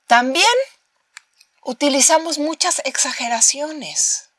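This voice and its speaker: Slow and high-pitched with a fairly bright tone, a woman with a Mexican Spanish accent teaches a recorded university master class. She illustrates her points with rhetorical questions and little performances of talking to babies, in clean studio sound without echo.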